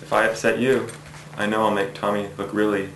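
An actor playing an eager salesman reporting to his boss, with a gravelly voice in an echoey, noisy room. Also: on the low side, little pitch movement, fairly quick, natural voice. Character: eager young salesman employee. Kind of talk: low-budget film acting.

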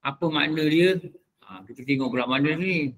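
Bright high-voiced Malaysian religious teacher. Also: male voice, poor audio. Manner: drills pronunciation, slowly drawing out recited phrases and quizzing listeners. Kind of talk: mosque lecture. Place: mosque.

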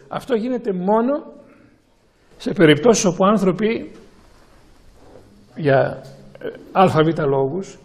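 Greek priest's high, gravelly sermon voice. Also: male voice, a little mellow. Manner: slow, halting delivery with many restarts and repeats. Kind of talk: sermon with a question time.

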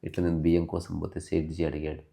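A man voicing a weary, wronged wife who speaks quietly and plaintively. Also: low-pitched, monotone, fast, vocal fry, pitched below the performer's own voice.

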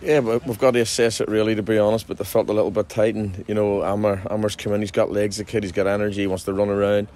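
Low-voiced man, pitchside interview. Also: level tone, quick pace, hardly any pauses, a little mellow. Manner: chatty, frequent restarts and fillers. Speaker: football manager. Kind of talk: post-match interview. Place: outdoors at a football ground at night.

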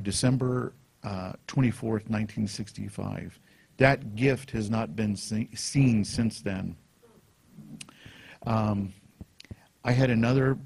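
A man's voice: on the low side, darkish tone. A man giving a sermon at a conference, telling stories in a chatty way and acting out the quotes. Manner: anecdotal, conversational with acted-out quotes. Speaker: conference speaker. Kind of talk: sermon storytelling. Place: conference hall.

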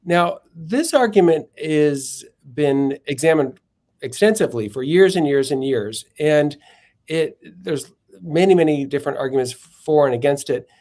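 A man, a guest in a podcast interview, explaining philosophical arguments in a measured, methodical way and often correcting himself mid-phrase. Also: on the high side, animated, a little mellow.

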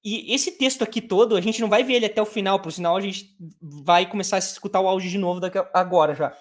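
A Brazilian woman teaches English live online. She speaks Portuguese natively and has an ordinary mid-range voice. She breaks sentences into pieces and repeats each one slowly. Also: mid-range voice.

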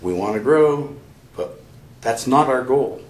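An older man, a guest in an interview, telling stories in a halting way with many restarts. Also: medium pitch, lively intonation, echoey room. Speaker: interview guest, chapter member. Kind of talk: conversational storytelling.

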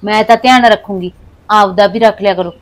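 A woman's voice: medium pitch, fairly even intonation, a little fast, close to an everyday voice. A young woman playing a hurt wife in a short film, talking in a plaintive, complaining way. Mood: aggrieved. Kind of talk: Punjabi short film acting.

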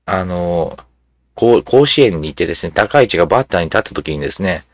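A man reads social media replies aloud with casual commentary, musing and halting, filling his speech with fillers and asides. His voice is low-pitched and expressive, with no echo.

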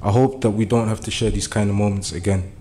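This young German community speaker talks fast in a steady tone, his lowish voice mellow. His earnest speech in a meeting room opens hesitantly with plenty of fillers and grows into urgent appeals.

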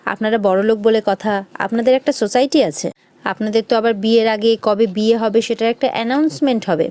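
A woman reading the lines of a defiant, sharp-tongued young woman, in an indignant, retorting tone. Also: on the high side, fairly quick, no room sound, close to an everyday voice.

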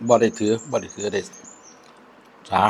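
A man's voice: measured pace, a little mellow, slight background noise. A man with an Isan accent chatting reflectively over a meal, using many polite particles. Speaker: vlogger. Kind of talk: casual chat over a meal.

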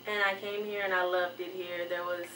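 A woman's voice: on the low side, flat delivery, brisk, bright, forceful tone, a little hiss or hum. A young woman from Houston, a student giving plainspoken interview answers indoors. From Houston, Texas. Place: indoor room by a window. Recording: roomy, distant mic.

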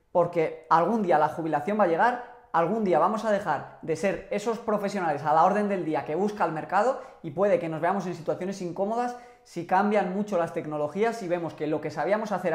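A young man from Spain, explaining personal finance to camera in a measured, gesturing manner from a small home office on a lapel mic. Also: sits high, echoey room. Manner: animated hand gestures, measured explanatory delivery.

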